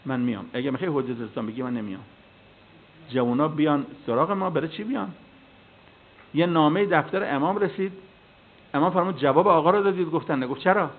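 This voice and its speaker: Preaching cleric on a tinny line. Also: male voice, mid-range voice. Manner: storytelling with acted dialogue, animated. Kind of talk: sermon with anecdotes. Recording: tinny phone-like sound.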